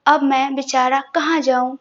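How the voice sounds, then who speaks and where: A woman's voice: high-pitched, flat delivery, a little slow. A woman voicing a playful, affectionate young father who coaxes and mock-sulks with his little son. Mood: playfully whiny. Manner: coaxing, mock-sulking, affectionate. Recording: dull lo-fi recording.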